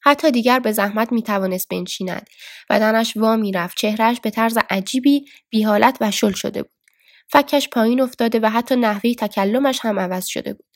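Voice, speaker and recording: A woman narrating a book as a steady, scripted audiobook reading. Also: on the high side, no echo, clean studio sound. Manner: steady storytelling.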